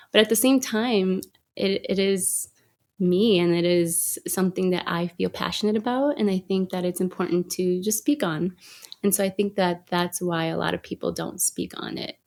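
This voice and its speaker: A woman's voice: fairly low pitch, a little mellow. A woman photographer as a podcast guest, talking reflectively with hesitant restarts. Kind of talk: conversational interview.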